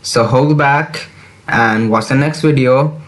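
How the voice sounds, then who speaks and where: A young man narrates a beginner coding tutorial at an unhurried, deliberate pace. His voice sits at an ordinary middle pitch. He talks through every step aloud and keeps reassuring the listener that it is all simple. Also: a bit bright. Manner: repetitive, reassuring, walks through steps aloud. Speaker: programming tutor. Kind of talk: screen-recorded coding tutorial.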